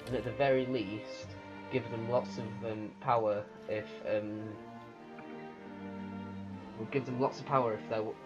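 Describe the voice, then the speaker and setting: A man giving unscripted commentary on a strategy game, thinking aloud in a halting way. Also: mid-range voice, steady tone. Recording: muffled lo-fi recording with music. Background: music.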